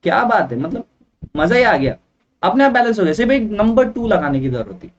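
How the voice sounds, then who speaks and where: A man's voice: high voice, sing-song, fairly quick, a little hiss or hum. A man teaching a chemistry lesson at a board, chatty and mixing in English phrases, often checking in with "okay, right?". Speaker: science teacher. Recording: dull, from a distance.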